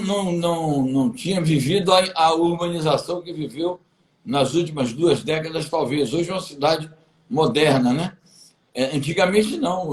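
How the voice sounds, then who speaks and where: A man, speaking as an interview guest in a measured, deliberate way with hesitant restarts. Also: on the high side, low-quality recording. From Bahia, Brazil. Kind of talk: political commentary interview.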